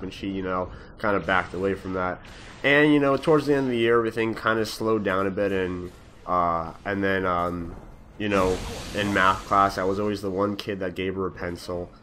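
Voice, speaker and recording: A young gaming channel host recounts his school days while gameplay runs, using a deep voice that sounds pushed and bright. The storytelling is casual and meandering, full of fillers and restarts, with some hiss or hum underneath.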